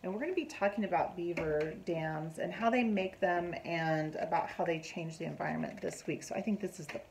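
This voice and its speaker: A middle-aged woman teacher reading a picture book aloud to her class, lively and asking the children questions. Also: lowish voice, brisk, gravelly, slight background noise.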